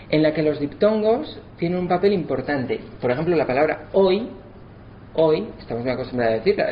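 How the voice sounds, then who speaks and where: Man, lecturer, fairly high voice, spells out syllables, muffled recording, faint noise. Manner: spells out syllables slowly to demonstrate. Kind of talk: explanatory lesson. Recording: slightly dull, faint background noise.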